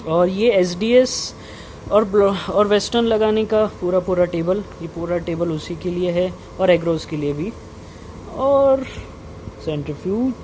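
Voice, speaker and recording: A man's voice: high voice, measured pace, darkish tone. A young man giving a casual vlog tour, informally mixing in English technical terms, his voice slightly muffled by a face mask. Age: young adult. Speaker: vlogger and lab researcher. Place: indoor research lab. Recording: muffled by mask, clear equipment hum. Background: running lab equipment and air conditioning hum.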